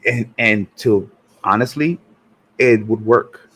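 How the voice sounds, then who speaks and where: A man's voice: fairly low pitch, slow pace, heavy background noise. A man hosting a casual podcast chat, easygoing, chuckling often and rambling through restarts. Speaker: podcast host.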